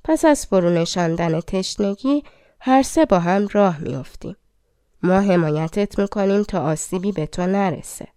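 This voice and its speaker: A woman voicing a scheming older brother who speaks in a flattering, coaxing way. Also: mid-range voice, clear, resonant tone, dry recording, clean studio sound, natural voice. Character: scheming older brother, man, falsely sweet.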